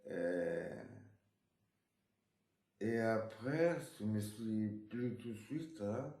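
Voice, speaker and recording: A man's voice: on the low side, lively intonation, extremely slow, darkish tone. A man from Spain with a Spanish accent, telling his life story in a casual interview, rambling with many restarts and tag words. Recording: roomy echo.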